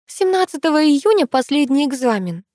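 A woman's voice: sits high, big pitch swings, unhurried, a little mellow, no echo, clean studio sound, pitched above the performer's own voice, heavily acted. A woman voicing a sweet, cheerful, polite young woman with a sugary manner.

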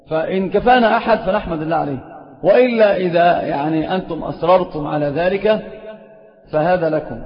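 Egyptian guy preaching fast, emphatic, dull old tape with long hall reverb. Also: on the high side. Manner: emphatic, rising to forceful stress on key points. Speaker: sheikh teaching a religious lesson. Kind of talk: religious lecture. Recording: lo-fi recording in an echoey hall.

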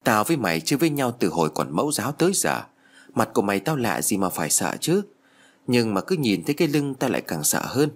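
A man's voice: on the low side, sing-song, quick pace. A man voicing a frightened teenage girl who pleads in a trembling voice. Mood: scared.

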